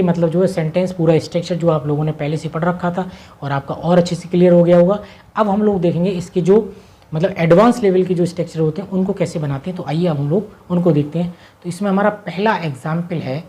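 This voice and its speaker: A woman gives an English grammar lesson in Hindi in a mellow, fairly low voice. She keeps asking herself a question and answering it. Each English example comes out slowly, word by word, as if for dictation. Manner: slows right down to dictate English sentences word by word. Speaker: English teacher.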